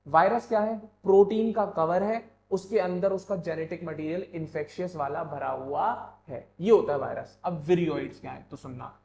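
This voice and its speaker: A man's voice: a little high, gravelly, a little mellow. A man teaching a biology exam-prep class in Hindi with English terms, asking questions and repeating the answers back to students. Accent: Hindi-English code-switching. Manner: reads English textbook lines slowly, then explains in Hindi. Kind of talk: online exam-prep lecture. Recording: echoey lo-fi room with faint hum.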